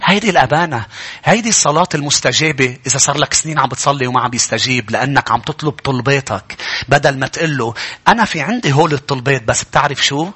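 A male pastor, preaching a fervent sermon that climbs into shouts. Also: mid-range voice, very fast, slightly rough.

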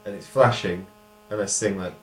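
A man's voice: lowish voice, fairly even intonation, normal speed, fairly bright tone, roomy sound, slight background noise. A man co-hosting a podcast, chatting casually, laughing often and reading his own rhymed poem aloud. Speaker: podcast co-host and poet. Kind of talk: casual chat and poetry reading.

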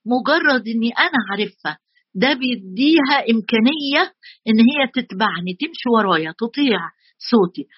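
A woman's voice: on the high side, lively intonation, brisk, slightly rough, no room sound, highs cut off. A woman with an Egyptian accent preaching a sermon, driving her points home by repeating phrases again and again. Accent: Egyptian Arabic. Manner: emphatic, repeats key phrases over and over.

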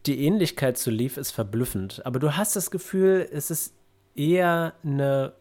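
Male game master, calm descriptive narrator. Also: a little high, moderate pace.

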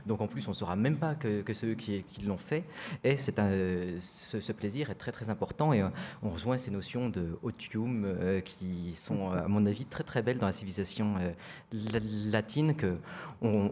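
A man with a low voice speaking on a discussion panel. He reflects slowly and hesitates often with fillers. Faint room ambience is heard behind him. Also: warm tone, a little hiss or hum. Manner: thoughtful, hesitant, many fillers.

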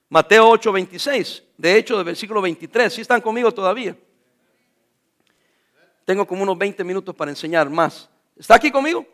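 A man's voice: sits high, a bit bright. A middle-aged man preaching a sermon as a pastor, jovial and joking with the congregation.

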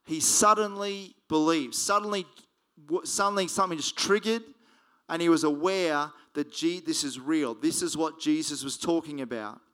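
A man preaching a sermon as pastor, telling the story lively and acting out frightened voices. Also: on the high side, moderate pace, clean tone.

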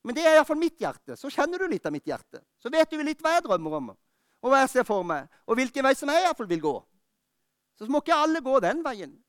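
A high-voiced man preaches with fervour, pressing hard and then easing into close, personal words. His tone is smooth and resonant, and the sound is dry and close to the mic, with little room around it. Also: sing-song, no room sound. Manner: fervent preaching that drops to quiet, intimate talk. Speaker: pastor. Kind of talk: sermon. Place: church.

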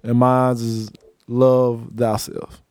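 A man co-hosting a podcast in loose, slangy conversation. His voice sits at an ordinary middle pitch and heats up when a point bothers him. The sound is dry and close, with no room around it. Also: slow, dry recording. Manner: relaxed, slangy, animated when riled. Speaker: podcast co-host. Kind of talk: casual chat.

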